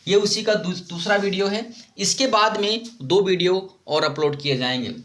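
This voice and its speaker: High-voiced Indian man teaching English. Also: normal speed, a bit bright. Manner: explains step by step, repeats words and asks the class questions. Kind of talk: classroom lesson in Hindi and English.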